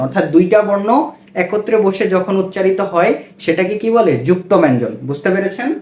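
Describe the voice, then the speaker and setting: High-voiced man teaching letters slowly. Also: a little mellow. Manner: slow, repetitive drilling with rhetorical questions. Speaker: Bengali language teacher. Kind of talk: classroom lesson, spelling out words. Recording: roomy echo.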